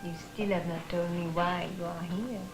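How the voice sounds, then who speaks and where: An actress playing a flirtatious, teasing singer who talks coyly. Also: female voice, lowish voice, fairly even intonation, normal speed, background noise, lightly acted. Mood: flirty. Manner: coquettish, teasing. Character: flirtatious singer, coy and playful. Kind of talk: film acting. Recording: film soundtrack with music.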